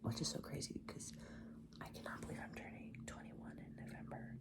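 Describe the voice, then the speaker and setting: A twenty-year-old man chatting in a whispered ASMR style while doing makeup, rambling casually and swearing often. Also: fairly quick. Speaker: ASMR creator.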